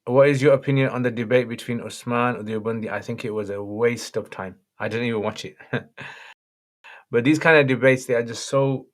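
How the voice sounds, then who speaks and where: A man with a slightly croaky, mid-range voice speaks a little fast as he reads viewer questions aloud during a livestream. He's an Islamic scholar, and his replies are short and matter-of-fact.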